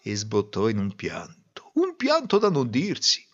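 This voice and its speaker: A man narrating a folk tale in a lively, theatrical way. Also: lowish voice, a little slow. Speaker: storyteller. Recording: dull lo-fi recording.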